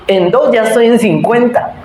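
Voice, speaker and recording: A pastor in his forties preaches in an echoey church hall, his very high-pitched voice animated yet measured, a little mellow, with slight hiss or hum. He's conversational and self-deprecating, joking and asking the congregation to answer him.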